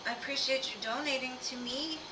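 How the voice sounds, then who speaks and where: A woman's voice: sits high, brisk. A woman talking informally and familiarly to viewers as the host of a live reading stream. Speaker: live tarot reader and host. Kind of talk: casual livestream chat. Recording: roomy, distant mic, clear background noise.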